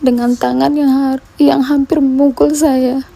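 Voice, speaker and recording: A woman gives a personal account for a news report, her voice high and full of fry. She talks slowly in halting, fragmented phrases with a dark, mellow tone. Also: little pitch movement. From Medan, Indonesia. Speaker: mother filing a police report.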